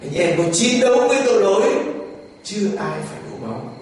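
High-voiced priest in a booming church. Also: male voice, very animated, brisk, a little mellow, slight background noise. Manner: dramatic storytelling, acting out Bible scenes. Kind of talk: sermon. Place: large church. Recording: echoey church hall, distant mic, faint ambience.

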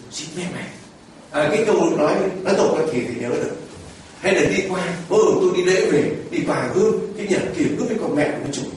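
Animated high-voiced male preacher. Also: recorded from a distance, a little hiss or hum. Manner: animated, mimics others and quizzes listeners. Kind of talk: sermon to a congregation. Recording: echoey church picked up from afar.

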